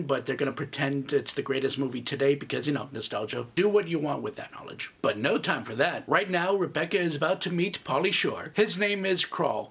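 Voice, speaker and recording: A man's voice: mid-range voice, fairly bright tone, husky. A man in his thirties giving a comedic movie review with snarky, sarcastic asides. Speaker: film reviewer.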